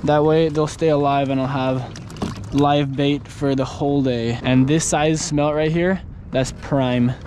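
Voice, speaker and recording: Young man with a fairly high voice, explaining his gear step by step in a relaxed way while fishing at sea. An action camera picks him up outdoors, with faint water and wind noise behind him. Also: measured pace, few pauses. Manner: relaxed, instructional, talks while handling gear. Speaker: fishing vlogger. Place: kayak on open ocean, outdoors. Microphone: action camera on a mount.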